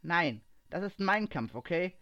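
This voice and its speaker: A man's voice: fairly high pitch, very animated, fairly quick, dull audio. A man reading a story aloud and voicing a brash, cheeky young woman who captains a pirate crew, blunt and stubborn.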